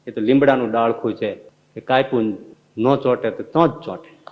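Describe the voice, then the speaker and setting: A man in a mid-pitched voice preaches a devotional sermon, narrating a story with lively drama and stepping into its characters. The recording sounds slightly dull and muffled. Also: normal speed, in a large hall. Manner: dramatic, acts out dialogue. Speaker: religious preacher.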